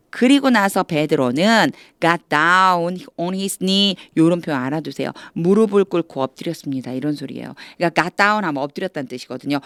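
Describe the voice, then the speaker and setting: A woman with a fairly low voice, recorded close to the mic in a dry room. She teaches with patience, asking questions as she goes, and reads English lines slowly before she explains them. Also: a bit bright, dry recording. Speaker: English Bible reading teacher. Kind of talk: explanatory lesson.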